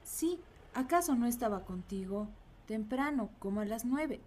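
An actress playing a concerned neighbor who scolds matter-of-factly. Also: female voice, fairly high pitch, lively intonation, normal speed, a little mellow, slight background noise, close to an everyday voice. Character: nosy, concerned neighbor woman.

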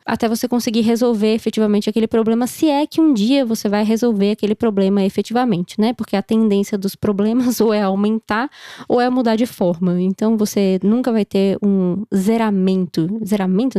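A woman's voice: medium pitch, steady tone, brisk, dark tone, clear, resonant tone, no room sound, clean studio sound. A Brazilian woman hosting a podcast as a casual explainer, chatty and playful, asking and answering her own questions in a choked, duck-like voice. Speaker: podcast host.

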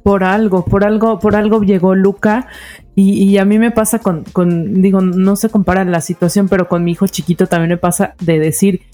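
A woman's voice: mid-range voice, steady tone, normal speed, dark tone, faint music behind. A woman co-hosting a podcast, chatting casually and sharing stories about her own children. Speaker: podcast co-host, mother. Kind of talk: casual interview chat.

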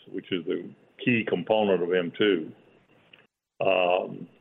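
Low, even-voiced halting man, slightly dull audio. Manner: halting, measured, with repeated words. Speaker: economist guest. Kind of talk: interview commentary on economics.

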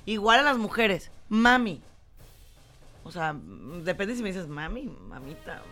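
A woman's voice: mid-range voice, lively intonation, a little slow, bright, forceful tone, soft background music. A Mexican woman co-hosting a casual radio chat, chatty and teasing, giving relationship advice with lots of fillers. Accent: Mexican Spanish. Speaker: co-host, psychology commentator.

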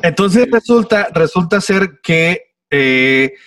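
A man's voice: high-pitched, slow, distant mic, over a noisy crowd. Slangy young Mexican man telling a wild story. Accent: Mexican Spanish. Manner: slangy, swearing, animated storyteller with restarts. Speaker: podcast guest. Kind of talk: casual storytelling chat. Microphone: video call.

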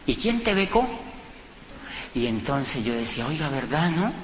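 A middle-aged Colombian man with a Colombian accent, telling personal anecdotes to an audience and acting out the dialogue in a lively way. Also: unhurried. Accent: Colombian Spanish. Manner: animated anecdotes, acts out dialogue with lively pitch jumps. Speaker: speaker giving a talk. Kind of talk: storytelling lecture to an audience. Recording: dull, echoey hall with faint noise.

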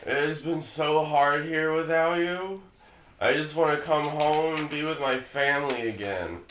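A man's voice: on the high side, unhurried, roomy sound, a little hiss or hum. A man reading a desperate, bitter middle-aged father in a comedy script reading, shifting from pleading to cruel abuse. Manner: pleading, then turns cruel and shouting. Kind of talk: comedy script table read.

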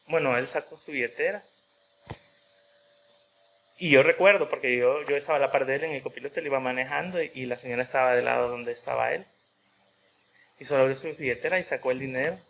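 A man's voice: medium pitch, brisk, gravelly, long pauses, a bit bright. A man preaching a sermon in a conversational way, telling a personal story and often adding a questioning tag.

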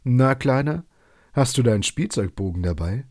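A man's voice: medium pitch, animated, normal speed, a little mellow, no room sound, studio quality, pitched above the performer's own voice, lightly acted. A man voicing a mocking, tipsy forester who taunts and jeers in a storybook reading. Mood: jeering. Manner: taunting and jeering.

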